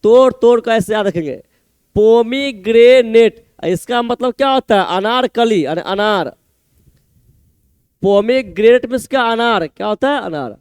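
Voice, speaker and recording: Teacher, male, very high voice, dry close sound; drills spellings letter by letter. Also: lively intonation, clean tone, no room sound. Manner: slow, spells words letter by letter and repeats answers. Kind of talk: exam-prep spelling lesson.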